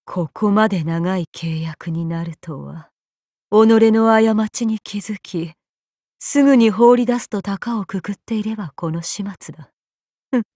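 A woman's voice: medium pitch, a little mellow, dry recording, studio quality, close to an everyday voice. An actress playing a vengeful female gorgon monster in an anime game, imperious, cold and contemptuous. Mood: grudging, menacing. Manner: imperious, cold, contemptuous, deliberate archaic phrasing. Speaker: voice actor. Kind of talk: scripted anime game character lines.

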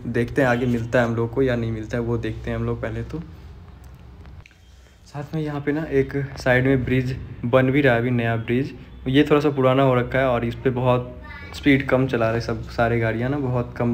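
A man's voice: medium pitch, slight background noise. A young man casually narrating a road-trip vlog from inside a car, chatting directly to his viewers. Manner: chatty, talks straight to viewers. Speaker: travel vlogger.

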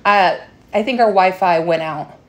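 A woman's voice: fairly low pitch, normal speed, a little hiss or hum. A young adult woman talking informally and explaining a craft step by step in a casual livestream tutorial. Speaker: livestream host, craft seller. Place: small room indoors at home. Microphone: phone propped at arm's length.

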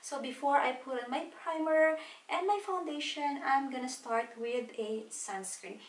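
High-voiced woman in an echoey room. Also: a little slow, far from the mic. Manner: chatty, walks through each product step by step. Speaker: beauty vlogger. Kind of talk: casual makeup tutorial. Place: small home room at a desk.

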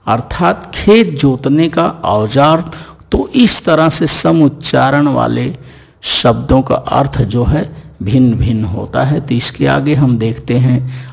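A man teaching a grade-five language lesson, slowly and deliberately repeating each word before explaining its meaning. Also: mid-range voice, gravelly, a little mellow, husky. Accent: Hindi.

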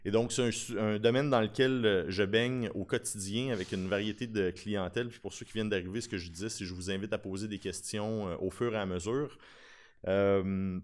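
A man in his thirties with a Québécois French accent speaks at a conference lectern. His voice sits a little low. He presents in an informal, talkative way into a podium microphone. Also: fairly even intonation, a little fast. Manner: informal, talkative, with self-deprecating humour. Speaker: conference speaker, lawyer specializing in digital forensics. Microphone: podium gooseneck microphone.

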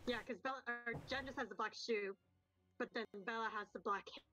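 Woman, bright tense voice, slightly high, insistent, casual gaming chat, faint music behind. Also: a little fast, poor audio. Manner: insistent, sure of her guess. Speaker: fellow player.

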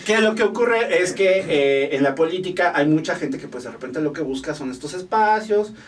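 A man's voice: on the high side, lively intonation, moderate pace, recorded from a distance, slight background noise. A man with a Mexican Spanish accent, co-hosting a casual podcast with sly, joking asides. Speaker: podcast co-host. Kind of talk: casual gossip chat.

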